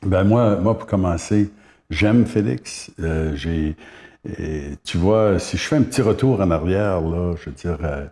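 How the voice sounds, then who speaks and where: A singer-songwriter in his seventies from Quebec's Gaspé Peninsula, speaking with a Québécois French accent, chats as a guest in a casual interview. His low, darkish voice moves a little slowly as he reminisces unhurriedly, hesitating often.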